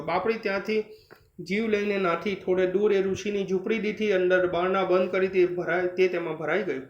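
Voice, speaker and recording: A man narrating a devotional story in a steady, earnest way. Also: high-pitched. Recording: roomy, slightly dull recording.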